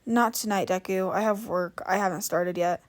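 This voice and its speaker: A woman reading the lines of a gruff, blunt teenage boy who talks curtly. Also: medium pitch, fairly even intonation, moderate pace, lightly acted.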